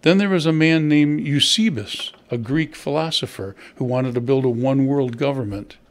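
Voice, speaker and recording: An older man, a pastor, preaches a sermon from a wooden pulpit in a church hall, his medium-pitched voice moving at a normal speed. He keeps it conversational, putting questions to his listeners, and is picked up by a stand mic at the pulpit.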